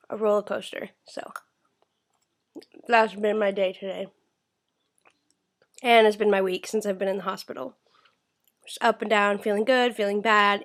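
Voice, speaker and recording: A young woman at home, rambling through a casual video diary while feeling unwell and tired, with lots of fillers and some talking through food. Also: mid-range voice. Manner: rambling, many fillers, talks while eating. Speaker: vlogger. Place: at home, indoors.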